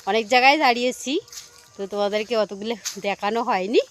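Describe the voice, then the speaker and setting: A woman with a slightly hoarse voice, chatting casually to viewers as a vlogging mother and narrating what she is doing. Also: fairly high pitch, fast talker, soft background music.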